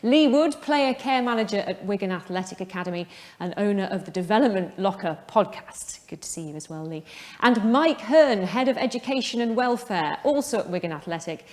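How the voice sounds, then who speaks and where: A woman's voice: medium pitch, animated, a little fast, long reverb tail. Polished female TV presenter. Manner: polished, clearly enunciated, emphatic. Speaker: TV presenter, host. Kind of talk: scripted presenting.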